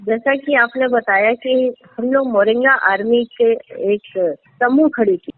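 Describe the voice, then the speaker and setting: A woman's voice: sits high, no room sound. A woman answering radio interview questions about her farming work, earnest and explanatory with some hesitations. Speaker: interviewee, moringa farming entrepreneur. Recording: dry tinny phone line.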